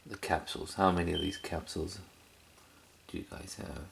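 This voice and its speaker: Heard over very noisy surroundings, a man speaks at a normal pace in a low, steady voice with vocal fry. He's a cassette collector giving a casual, rambling show-and-tell, hesitant at times and repeating words to stress them.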